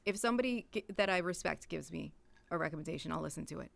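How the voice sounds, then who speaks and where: A woman's voice: low-pitched, animated, quick pace, gravelly. A woman from New England, a podcast guest speaking candidly and earnestly. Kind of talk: casual chat.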